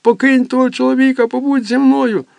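A small, frightened, feverish boy cries out in shrill, panicky bursts. The voice sits far above the reader's own and swells louder on each plea. It is recorded dry and close, as in an audiobook. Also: level tone, fairly quick, gravelly, no echo. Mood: panicked. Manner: shrill, panicky crying outbursts. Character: frightened feverish little boy, sobbing and pleading.

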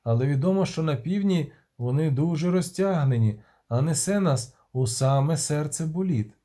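A man voicing a steady male helmsman who speaks in a low, measured, confiding way, in an audiobook reading. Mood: wary. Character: steady older male helmsman, calm and wary.

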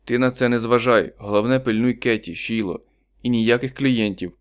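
A man's voice: mid-range voice, fairly even intonation, normal speed, smooth, lightly acted. A man reading an audiobook, voicing a desperate poor husband, tense and pleading.

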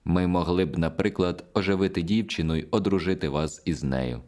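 A sardonic spirit of a composer lectures and mocks, dry and cutting in his irony, as a male audiobook reader puts him on. The voice sits extremely low. It is a storybook telling in scolding, lecturing tones. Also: a little fast, a little mellow, lightly acted. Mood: ironic scolding. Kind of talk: audiobook dialogue reading.

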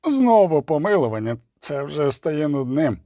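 Brief: sinister hangman, low hollow growl, voiced by a male reader. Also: expressive, moderate pace, mellow, no echo, studio quality. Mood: fed up. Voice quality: hollow, ominous voice. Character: menacing male executioner, grim, sinister.

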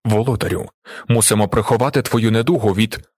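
A loyal old desert fighter, gruff and pleading, his voice pushed lower and husky, as a male storyteller puts him on. The audiobook reading is dry and close. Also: fairly quick, darkish tone, no echo, close to an everyday voice. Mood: anguished.

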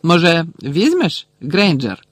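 A man voicing a spiteful, sneering teenage schoolboy bully who taunts loudly and mockingly. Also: fairly high pitch, huge pitch swings, slow pace, slightly rough, no room sound, pitched above the performer's own voice, heavily acted. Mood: taunting. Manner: mocking, taunting, loud and jeering.

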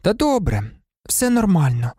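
A man voicing a gloomy, reserved teenage schoolboy in an audiobook, who speaks in a flat, subdued way. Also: high voice, measured pace, husky, dry recording, clean studio sound, pitched above the performer's own voice, exaggerated voice.

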